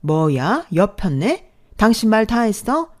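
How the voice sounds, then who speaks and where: A woman's voice: mid-range voice, very animated, slow pace, a little mellow. A woman voicing a greedy, brazen stepmother who talks in a pushy, demanding way, read as storybook dialogue.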